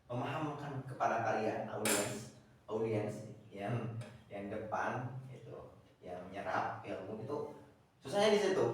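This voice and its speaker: A man teaching a class, talking. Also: fairly high pitch. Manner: rambling, with many fillers and repeated words. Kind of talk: classroom lecture. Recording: echoey classroom from far off.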